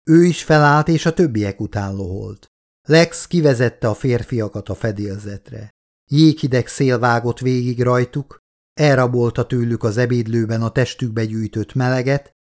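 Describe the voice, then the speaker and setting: Brief: male narrator, mid-pitched, even and measured audiobook reading. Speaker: audiobook reader. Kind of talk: scripted narration.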